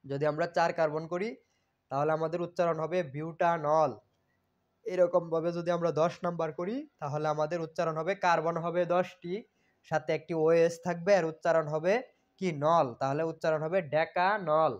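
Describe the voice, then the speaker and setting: A man with a fairly high voice teaches a chemistry lesson, and the recording sounds muffled and lo-fi. He repeats his points and keeps asking questions, then answering them himself. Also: flat delivery, normal speed. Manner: repetitive, asks and answers own questions. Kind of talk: classroom lecture. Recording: dull lo-fi recording.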